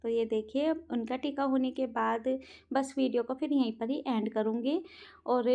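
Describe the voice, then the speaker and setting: A middle-aged woman narrates her family vlog in a high, mellow voice, slightly hoarse from a sore throat. She rambles along casually, full of fillers. The audio is a little dull and lo-fi. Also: fairly even intonation, normal speed. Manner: chatty, rambling, frequent fillers. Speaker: vlogger.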